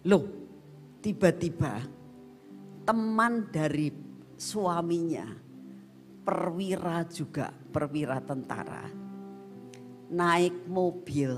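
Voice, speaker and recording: A woman's voice: lowish voice, slow pace, pauses often. A woman evangelist, telling a story in a sermon and talking directly to the congregation. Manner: dramatic, addresses the congregation directly. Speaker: evangelist preacher. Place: church. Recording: church reverb with soft music.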